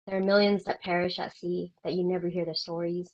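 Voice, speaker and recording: A woman's voice: fairly low pitch, little pitch movement, a little fast, lo-fi sound. A woman from Vietnam who is a guest in an interview, telling her own story in an earnest, reflective way with hesitant restarts.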